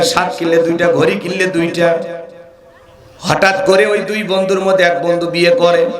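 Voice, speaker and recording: High-voiced man preaching with shouts. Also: echoey room. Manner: theatrical, calls out for crowd replies, rising into shouts and chanted verses. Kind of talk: humorous Bangla waz sermon to a crowd. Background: crowd.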